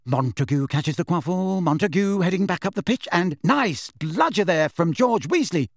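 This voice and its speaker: A man voicing an excitable, cheeky young male sports commentator calling a match. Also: high-pitched, dry recording, clean studio sound, voice pushed up. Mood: excited. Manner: fast, cheeky play-by-play.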